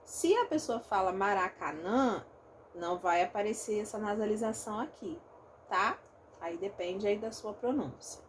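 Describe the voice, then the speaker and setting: A woman teaches phonetics in a recorded online lesson, with a Rio de Janeiro Portuguese accent, taking things step by step and often checking in with her students. Her intonation is lively, her voice mid-range and her speed normal. A little hiss or hum is audible.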